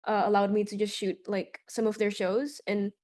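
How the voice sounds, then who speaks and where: A young adult woman from Indonesia, a native Indonesian speaker, appears as an interview guest talking about her work as a concert photographer. She speaks at a moderate pace in a mid-range voice, relaxed and chatty and filling her talk with lots of "like."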